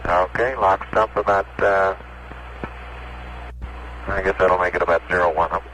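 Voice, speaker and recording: A man's voice: low-pitched, fairly even intonation, normal speed. A man speaking as an astronaut over a crackly space-to-ground radio link, in clipped radio procedure, reading numbers back. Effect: crackly space-to-ground radio transmission, archive recording.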